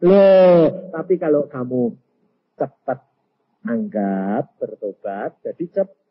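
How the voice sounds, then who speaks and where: An older man with a Javanese accent preaching a storytelling sermon, acting out dialogue and swinging from loud exclamations to soft asides. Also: medium pitch, takes it slowly, breathy edge. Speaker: evangelist preacher. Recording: dull lo-fi sermon recording.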